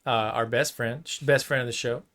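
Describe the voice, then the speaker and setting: A man's voice: mid-range voice, steady tone, a little fast, a bit bright. A man hosting a casual podcast, joking and easygoing with his guest. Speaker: podcast host. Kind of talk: casual chat.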